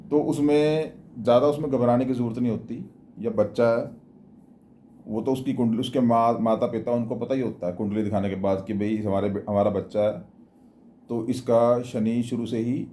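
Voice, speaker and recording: A man's voice: mid-range voice, warm tone, slight background noise. A man giving plain, repetitive spiritual and astrology advice in a casual spoken manner, often restarting his words. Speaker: astrology and devotional speaker.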